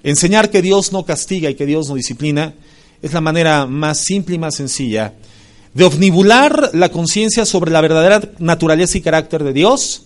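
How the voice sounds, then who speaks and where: A male pastor with a Mexican Spanish accent, preaching a sermon emphatically, rising to loud stresses and dropping to low asides. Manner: spells out Greek word roots slowly.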